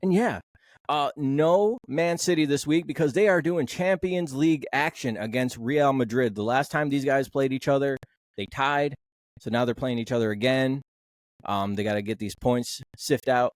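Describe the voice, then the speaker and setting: A man's voice: mid-range voice, moderate pace, dry recording, clean studio sound. A man hosting a casual sports podcast, talking bluntly and rambling, with the odd swear word. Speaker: podcast host.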